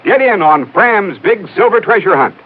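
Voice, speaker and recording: High-voiced, animated American radio pitchman. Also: moderate pace. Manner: folksy, emphatic sales pitch. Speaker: commercial announcer. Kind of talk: 1950s radio ad read. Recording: tinny narrow-band old radio recording.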